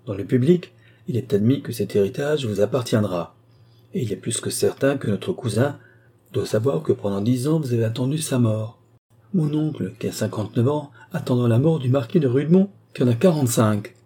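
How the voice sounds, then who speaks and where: A man's voice: medium pitch, animated, fairly quick, mellow, breathy edge. A man voicing a proud, principled young man who answers his mother firmly and earnestly. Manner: earnest, firm.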